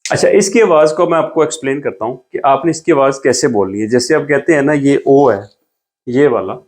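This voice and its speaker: A mid-range, darkish-toned male voice leads a beginner language lesson. He writes while explaining patiently in stages, slowly repeating each sound.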